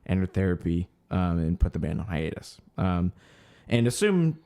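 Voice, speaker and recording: A man co-hosting a casual podcast reads through music news hesitantly, with many ums, trailing off as he searches for words and leaving sentences unfinished. His low-pitched voice is creaky and mellow, with big pitch swings and a moderate pace.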